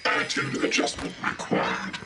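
A man voicing a malfunctioning scanning robot in a video game, with a glitching robotic voice filter and flat, clipped announcements. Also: rumbling low, moderate pace. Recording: distant voice under loud game music.

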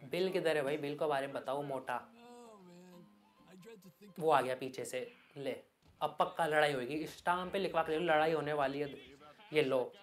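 A man giving loud, excited Hindi gameplay commentary as a gaming YouTuber. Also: a little high, moderate pace, pauses often. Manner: loud, hyped, yelling at the game.

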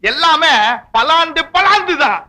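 A man's voice: very high-pitched, lively intonation, measured pace, pushed and bright, heavily acted. An actor playing a boastful village henchman in a 1980s film, with a mocking manner.

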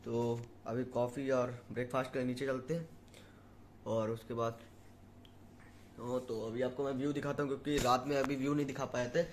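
Speaking at a normal speed in a medium-pitched voice with little pitch movement, a young man vlogs about his travels in a casual, slangy way. The phone is held at arm's length, and there's slight background noise.

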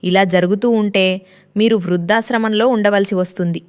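A woman's voice: medium pitch, fairly even intonation, moderate pace, a little mellow, smooth, lightly acted. A woman voicing an impatient grown son who speaks curtly. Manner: impatient, curt.

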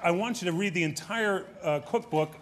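A middle-aged man presenting a variety show from the stage in a booming, emphatic announcing manner. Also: normal speed. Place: theater stage at a desk, before an audience. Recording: live stage, faint audience and room noise.

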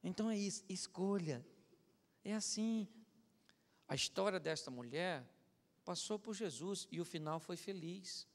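Male pastor, high and bright, preaching animatedly in a reverberant church hall. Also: measured pace, pauses often. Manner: animated, mimics others, swings from shouting to muttering. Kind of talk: humorous evangelical sermon.

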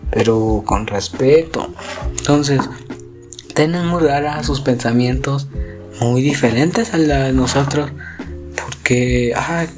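A teenage boy with a Mexican Spanish accent, talking in an unhurried, drawn-out way. He rambles and swears freely in a joking, casual rant over gameplay. Soft music plays faintly behind him. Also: fairly high pitch. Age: teens. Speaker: YouTuber.

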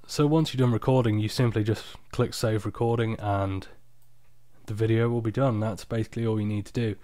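A tired man giving a casual, unscripted screen-recording tutorial, explaining software steps in an informal, off-the-cuff way. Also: on the low side, fairly even intonation, fairly quick, no echo. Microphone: external microphone, close and dry.

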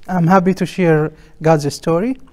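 A man's voice: fairly high pitch, fairly even intonation, measured pace, darkish tone. A man, earnestly telling his life story as a guest on a studio interview show, lapel mic. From Syria. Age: 30s. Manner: earnest, simple broken phrasing. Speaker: guest, ministry leader. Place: TV studio set.

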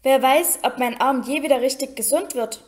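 A woman's voice: sits high, moderate pace, lightly acted. A woman reading aloud and voicing a smug, sneering boy wizard with a mocking drawl. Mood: smug whining.

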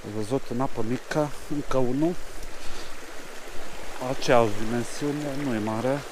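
A man, fishing on a mountain stream and giving casual commentary. He mostly mutters to himself, then speaks up to the camera. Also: mid-range voice. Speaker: fishing vlogger. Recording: rushing stream noise behind.

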